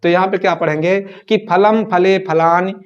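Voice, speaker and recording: Man teacher chanting word forms slowly. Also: high voice, steady tone, clear, resonant tone, muffled recording. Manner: slow sing-song drilling of word forms; chatty, repetitive explaining. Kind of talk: exam-prep lesson.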